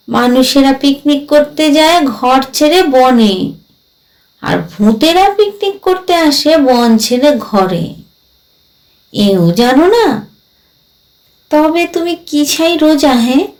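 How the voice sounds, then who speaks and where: A woman's voice: high-pitched, expressive, takes it slowly, pauses often, a little mellow, rough recording. A woman doing a whiny, wailing cowardly ghost. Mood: mocking. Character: cowardly whimpering male ghost with a mustache. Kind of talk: storybook reading.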